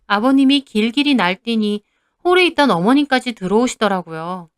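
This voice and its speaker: A woman's voice: mid-range voice, lively intonation, moderate pace, smooth, dry recording, studio quality. Woman telling a confessional story. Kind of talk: first-person story narration.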